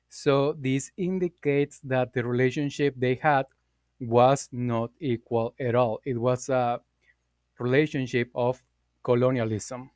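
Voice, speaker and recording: A man talks through a class presentation at an unhurried pace. His voice is smooth and clear, recorded close and dry. He pauses often on fillers and corrects himself as he goes. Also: mid-range voice, a little mellow, dry recording.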